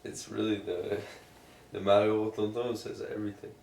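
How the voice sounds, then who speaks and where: Low, creaky male interviewee, loose drunken rambling and swearing, casual chat picked up across an echoey room. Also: little pitch movement, normal speed, a little mellow. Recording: roomy, distant mic, faint noise.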